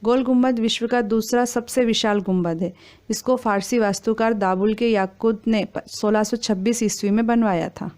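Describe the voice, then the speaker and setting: A woman reading exam quiz questions and their answers in a steady, formal recitation. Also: fairly high pitch, moderate pace.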